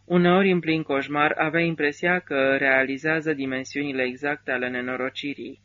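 A man narrating an audiobook in a steady, somber reading. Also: fairly high pitch, highs cut off.

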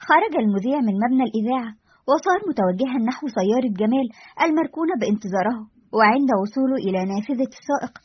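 Fast-talking husky woman storyteller. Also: sits high, lively intonation. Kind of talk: scripted story narration. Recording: dull lo-fi recording.

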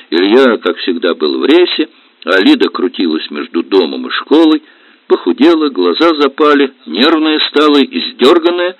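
Male audiobook narrator, measured expressive reading, lively pitch, dry dull sound. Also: no echo. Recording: dull lo-fi recording.

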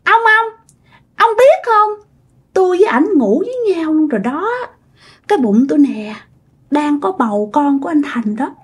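Woman voicing a high, whiny young ghost girl. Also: big pitch swings, moderate pace, long pauses. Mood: lovestruck. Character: hungry wandering young female ghost possessing a grandmother.

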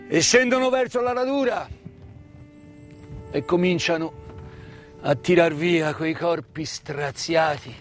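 Accompanied by live music, a man with a fairly high voice performs a theatrical storytelling monologue on stage. His delivery is solemn and dramatic, full of repeated words and heavy pauses.

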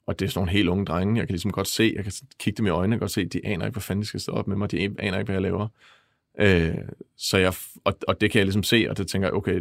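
A man working as a press photographer, retelling events in a halting, vivid way during an interview. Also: low voice, creaky, no room sound, clean studio sound. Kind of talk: interview storytelling.

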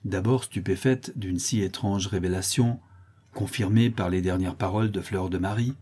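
A man reading a classic novel aloud, expressive and measured. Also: deep voice, breathy edge. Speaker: audiobook reader. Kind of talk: scripted narration.

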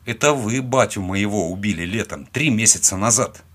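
A man's voice: lowish voice, moderate pace, a bit bright, slightly rough. A man voicing a ruthless young man who gives curt, clipped commands. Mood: cold.

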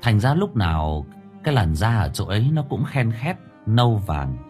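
A man narrating a story in the first person, lively and expressive. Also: lowish voice, normal speed, soft background music.

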